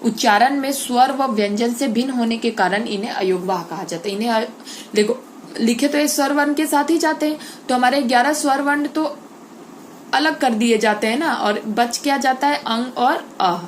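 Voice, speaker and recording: A woman teaching an online Hindi grammar class, explaining step by step, saying example words slowly and checking in with the children. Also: on the high side, a little hiss or hum. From India.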